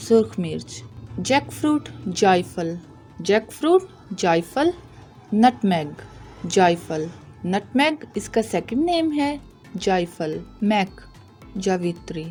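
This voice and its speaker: A woman with a mellow, soft tone reads vocabulary aloud at a very slow, deliberate pace, repeating each term. She patiently points out common mispronunciations like a careful teacher. Faint music plays underneath. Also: mid-range voice. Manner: patient, deliberate, corrects pronunciation.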